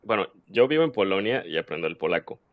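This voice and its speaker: A man hosting a relaxed interview. He laughs often, backchannels a lot and asks friendly questions. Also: low-pitched, quick pace, dry recording, phone-quality sound. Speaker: host. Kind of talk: casual interview chat.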